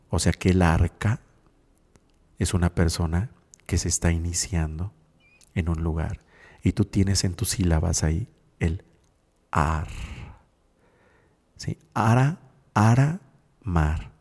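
A deep, mellow male voice with a long reverb tail belongs to a radio host and psychologist offering reflective spiritual talk. He often checks in with his listeners, repeatedly asking "sí?"

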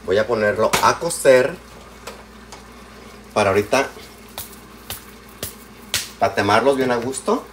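A man with a mid-range, animated voice speaks slowly and pauses often, chatting in a Mexican accent with viewers of his nighttime cooking stream. He greets them by name, tosses out slang and pet names, and the kitchen behind him rings with frying and clanking pots.

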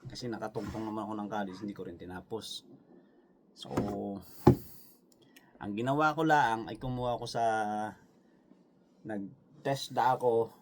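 Chatty Visayan Filipino man with a low voice. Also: normal speed, pauses often, noisy background. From Philippines. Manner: rambling, chatty, full of fillers and asides. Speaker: vlogger answering viewer comments. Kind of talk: casual chat. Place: New Zealand.

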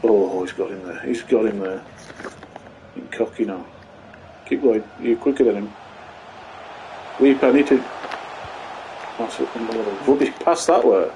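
A man's voice: fairly low pitch, measured pace, pauses often, slight background noise, poor audio. A man hosting a gaming channel, chatting to viewers in a rambling way while commentating a football video game. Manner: excitable bursts at goals.

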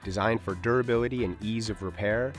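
Deep-voiced man reading polished ad copy. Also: a little fast, soft background music. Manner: smooth, polished ad read. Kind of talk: scripted narration.

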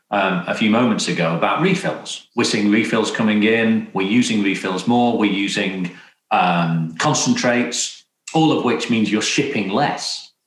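A middle-aged man talks on a video-call panel from a room at home. His voice sits a little low, and the room adds a clear echo. He speaks earnestly and stresses his points by repeating them. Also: a bit bright. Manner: earnest, emphatic, repeats key phrases. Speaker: panelist, consumer goods executive. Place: home room with stone wall. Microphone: video call webcam. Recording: echoey room on a webcam.

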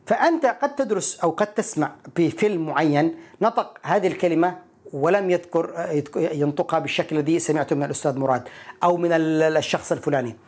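A man teaching an English pronunciation lesson, explaining each point and repeating words slowly to model them. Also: fairly high pitch, a little mellow.

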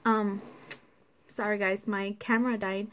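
A woman's voice: medium pitch, flat delivery, unhurried. A woman in her twenties chatting casually to her phone while eating, chewing between rambling, filler-heavy phrases. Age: 20s. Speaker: vlogger. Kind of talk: casual mukbang chat to camera. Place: small indoor room at home. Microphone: phone at arm's length on table. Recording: phone recording with background noise and clicks.

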